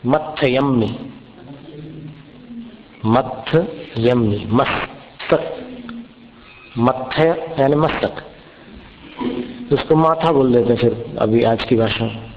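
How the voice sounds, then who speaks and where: A man teaching the pronunciation of devotional verses, chanting lines slowly and then explaining each sound. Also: mid-range voice, slight background noise. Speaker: religious teacher. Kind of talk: slow recitation lesson on pronunciation. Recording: echoey hall, dull lo-fi sound.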